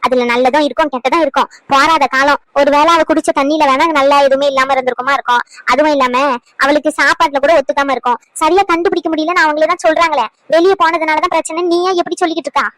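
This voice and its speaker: A woman's voice: sits high, steady tone, fast, fairly bright tone, dry recording, rough recording. A woman voicing a blunt older mother-in-law in a cartoon, with a rustic, scolding way of talking. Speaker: cartoon character.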